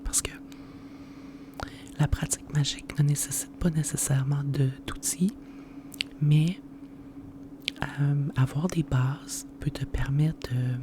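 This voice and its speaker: Hushed Quebec French library whisper, ASMR host. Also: mid-range voice. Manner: informal, unhurried explaining. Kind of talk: whispered ASMR book presentation.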